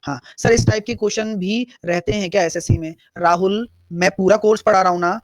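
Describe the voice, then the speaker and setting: A man's voice: high voice, steady tone, fairly quick, no room sound. A man teaching a live online math class, explaining step by step and answering students' chat questions. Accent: Hindi-English mix.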